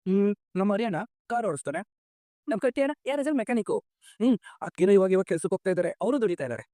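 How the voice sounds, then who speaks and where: Fast-talking earnest son, pleading, dry close sound. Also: male voice, high-pitched, animated, warm tone, no room sound. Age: young adult. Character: young son longing for his lost mother. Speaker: college-going son. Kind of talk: TV serial acting.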